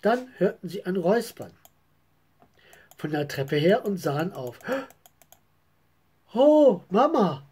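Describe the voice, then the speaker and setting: A woman reading a story aloud in an expressive way, now and then correcting herself. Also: lowish voice, a little slow, long pauses, slightly rough.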